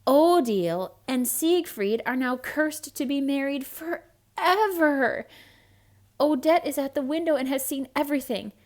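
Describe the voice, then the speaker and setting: A woman with a high voice reads a storybook aloud to children a little slowly, performing it theatrically and expressively, with hushed asides to the young listeners.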